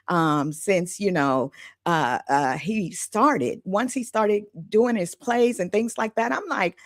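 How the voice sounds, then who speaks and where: A woman podcast host telling her own story in a candid, chatty manner, talking straight to her listeners. Her voice sits a little low and she takes her time with each phrase. The sound is close and dry, with no room around it. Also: no room sound.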